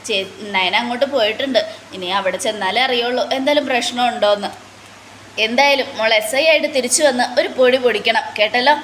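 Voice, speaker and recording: A woman's voice: a little high, quick pace, fairly bright tone, slight background noise, close to an everyday voice. A woman voicing a firm, caring elder sister who coaxes and lectures her family. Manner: coaxing then scolding, firm.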